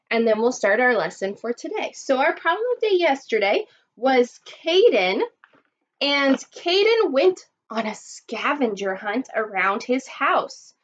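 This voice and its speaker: A woman in her thirties leads a lesson for young children in the manner of a kids show host. Her voice is fairly high and her delivery very slow, with prompts to join in. The sound is slightly dull, as from a webcam in a small room. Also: a bit bright. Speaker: elementary school teacher.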